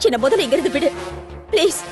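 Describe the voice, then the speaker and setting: Brief: high-voiced captive wife, pleading yet defiant, drama score behind. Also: female voice, expressive, quick pace, music in the background. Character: kidnapped young wife, desperate and pleading. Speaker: kidnap victim in a TV serial.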